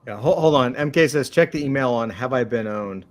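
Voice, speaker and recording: A man's voice: medium pitch, a little fast. A middle-aged man chatting casually on a video call in a loose, sweary way, often trailing off mid-thought.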